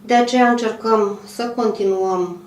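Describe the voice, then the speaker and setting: A woman's voice: medium pitch, fairly even intonation. Hesitant woman in her fifties, echoey room. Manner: measured, hesitant, frequent pauses and throat clearing. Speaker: head of a clothing manufacturer. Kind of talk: interview answer. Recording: roomy, distant mic, faint hum.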